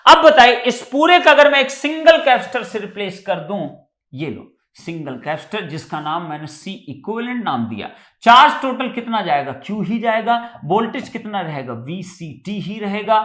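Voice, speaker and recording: A man's voice: sits high, big pitch swings, normal speed, a bit bright, roomy sound. A man with an Indian accent teaching a live online exam-prep class, often repeating points and checking that students have understood.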